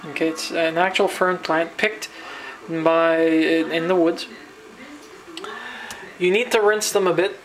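Filming himself on a handheld camera in his home kitchen, a New Brunswick man talks slowly in a fairly high voice, leaving long pauses. His casual cooking vlog is relaxed and meandering, packed with fillers and restarts, with faint music and poor audio.

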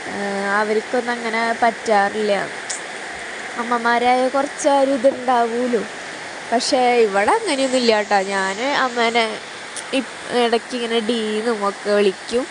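Young woman, rambling fond vlog chat, noisy home recording. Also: fairly high pitch. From Kerala. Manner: rambling, fond, with many fillers. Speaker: family vlogger. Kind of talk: casual vlog narration.

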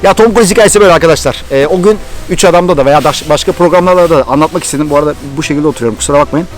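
A middle-aged man from Turkey with a Thracian accent, excitedly telling a personal story to his vlog viewers. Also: on the high side, racing. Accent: Thracian Turkish. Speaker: vlogger.

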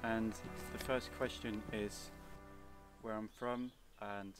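A young man with a Swedish accent answers viewer questions outdoors in a relaxed, hesitant way, with many fillers and restarts. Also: lowish voice, takes it slowly, recorded from a distance, music in the background. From Sweden. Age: young adult. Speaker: vlogger. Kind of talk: casual Q&A answers. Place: outdoors, seated on a cabin bench by woods.

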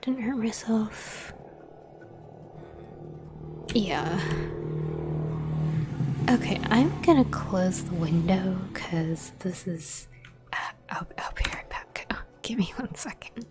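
A woman's voice: mid-range voice, slow, long pauses, over music. A woman streamer in a whispered gaming livestream, mostly whispering as she chats with viewers while playing. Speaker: ASMR streamer.

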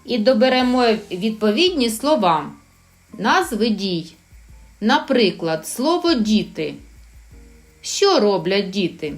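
A woman's voice: medium pitch, very animated, faint music behind. A woman teaching a recorded lesson for preschool children, encouraging and drawing out her words. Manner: slow, sing-song and encouraging, drawing out sounds.

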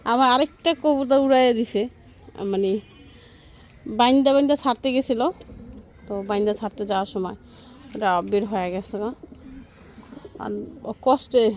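A woman, chatting casually and rambling with many fillers as she vlogs while cooking at home. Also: a little high. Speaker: vlogger. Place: home kitchen and yard.

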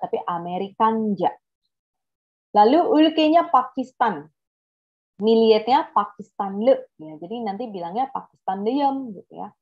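Lady teaching turkish words, slow and unhurried, stops to fix herself a lot, kinda dull audio. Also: medium pitch. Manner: thinks aloud, corrects herself, checks words mid-sentence. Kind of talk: online language lesson.

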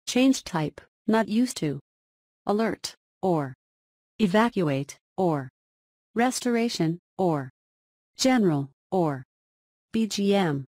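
A woman's voice: mid-range voice, a little mellow, no room sound. Woman narrating tutorial in dry sound. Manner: short, segmented instructional phrases. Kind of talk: step-by-step instructional narration.

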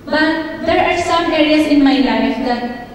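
A woman in her thirties from the Philippines, preaching with frequent pauses and laughs while being interpreted. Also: high voice, a little hiss or hum. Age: 30s. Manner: hesitant, self-deprecating, laughs often. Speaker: guest preacher. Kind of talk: sermon with live interpretation. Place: church stage. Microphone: handheld mic, far camera. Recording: echoey hall from far off.

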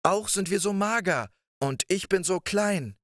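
A man doing a tiny, quick-witted boy with a high voice. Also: expressive, fairly bright tone, dry recording, clean studio sound. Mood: earnest.

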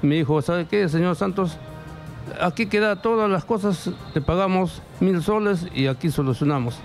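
This is a middle-aged man from Peru with a rough, gravelly voice that sits slightly high. He speaks into a studio microphone with headphones on, halting and circling back, and acts out the words of lawyers and officials. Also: soft background music. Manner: halting, repeats himself, acts out dialogue. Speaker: interviewee reporting bank fraud. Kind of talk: emotional testimony in a radio studio. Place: radio studio. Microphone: studio mic with headphones.

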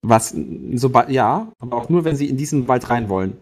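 A man playing a tabletop game works out a battle plan aloud, restarting sentences as he thinks it through with the other players. His mid-range voice is animated, fairly quick and darkish in tone.

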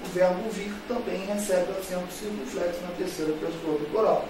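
A man's voice: high-pitched, steady tone, brisk, darkish tone, a little hiss or hum. A man with a Brazilian Portuguese accent teaching a grammar lesson, playful and repetitive, speaking straight to his students. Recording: very echoey room, voice far from mic.

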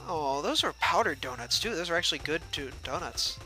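Lively joking man streaming a game. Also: a little high, a little fast, soft background music, low-quality recording. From United States. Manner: joking, chatty, talks to the game characters. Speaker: gameplay livestreamer. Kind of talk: casual let's-play commentary.

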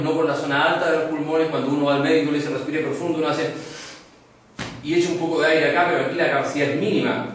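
A man's voice: a bit bright, heavy reverb, recorded from a distance, a little hiss or hum, poor audio. A Chilean man teaching an online course on voice projection, demonstrating voices as he lectures. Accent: Chilean Spanish. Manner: demonstrates voices, shifting pitch and tension to illustrate. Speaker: voice and speech instructor.

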